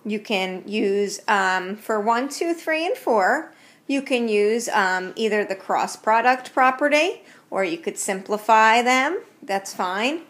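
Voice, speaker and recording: A woman's voice: fairly high pitch, animated, takes it slowly, fairly bright tone. Easygoing woman teacher explaining homework. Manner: easygoing, explains step by step with frequent ums. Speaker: math teacher. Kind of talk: recorded homework walkthrough. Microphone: tablet built-in mic.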